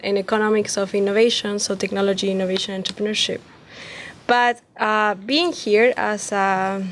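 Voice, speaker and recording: A woman from Chile with a Chilean accent, hoarse from a cold, talking haltingly as a panelist about herself. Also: mid-range voice, slight background noise. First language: Spanish. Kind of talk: panel talk, recounting background.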